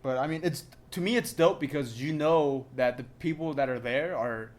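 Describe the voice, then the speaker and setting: A man's voice: mid-range voice, normal speed. A young man from Southern California, co-hosting a podcast in loose, profane, filler-heavy casual chat. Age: young adult. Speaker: podcast co-host.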